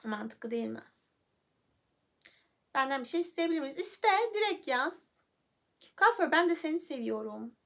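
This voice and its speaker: Bright, high-voiced playful young woman. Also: lively intonation, moderate pace, vocal fry, long pauses. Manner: playful, chatty, hums and sings nonsense syllables. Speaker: livestream host chatting with viewers. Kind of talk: casual livestream chat.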